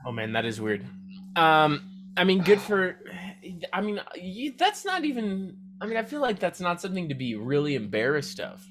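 A man's voice: high-pitched, huge pitch swings, moderate pace, a bit bright. A young man co-hosting a podcast in a laid-back, casual way, reacting to stories and teasing his friend. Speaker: podcast co-host. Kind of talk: casual chat.

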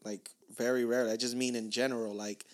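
A man's voice: mid-range voice, little pitch movement, fast. A man, co-hosting a casual podcast chat with blunt, profane banter. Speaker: podcast co-host.

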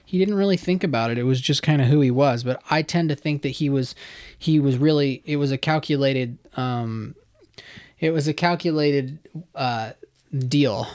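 A speaker telling a story in casual conversation, lively, with frequent fillers and laughs. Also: medium pitch, moderate pace.

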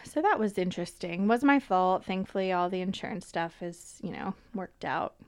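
Chatty middle-aged woman, quick to laugh. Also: fairly low pitch, animated. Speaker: co-host. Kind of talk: casual chat.

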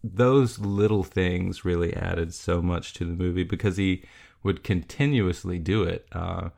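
Deep gravelly man in casual chat. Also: steady tone, a little slow, darkish tone. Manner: rambling, laughs often, many restarts and fillers. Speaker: podcast host. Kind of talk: casual chat about a film.

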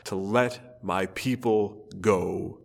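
A man voicing God speaking from a burning bush, booming, slow and solemn in a storytelling sermon. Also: vocal fry, full character voice. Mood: commanding.

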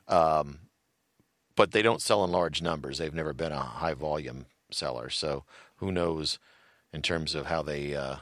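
A man with a very low, deep voice chatting casually as a podcast co-host. He rambles through his thoughts with plenty of fillers and breaks into laughter often. The sound is dry and close, with no room around it. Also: a little slow, a bit bright, no echo. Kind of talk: casual chat.

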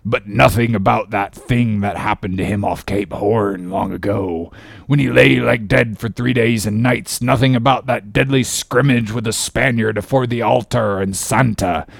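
An actor playing a ragged, ominous old sailor who talks in cryptic warnings and sometimes bursts out shouting. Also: male voice, on the low side, fairly even intonation, moderate pace, no echo. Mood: agitated. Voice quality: gravelly, growling. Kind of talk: audiobook drama acting.

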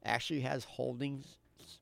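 A man's voice: mid-range voice, flat delivery, moderate pace, gravelly, a bit bright, no echo. A male co-host in casual chat and storytelling, emphatic and often repeating himself. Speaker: show co-host.

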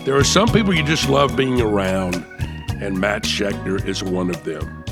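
A man's voice: fairly low pitch, expressive, moderate pace, over music. A man hosting a show, delivering a scripted motivational monologue and guest introduction. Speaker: show host.

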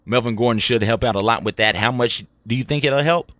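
A man's voice: mid-range voice, a little fast, fairly bright tone, no room sound. A man co-hosting a casual sports podcast, breaking down a team's season with playful banter. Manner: playful, predicts games one word at a time. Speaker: podcast co-host.

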